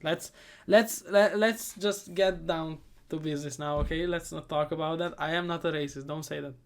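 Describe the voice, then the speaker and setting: A man giving a comedic movie recap, sarcastic and profane, rambling and often trailing off into quieter asides. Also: a little high, steady tone, normal speed. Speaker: movie reviewer.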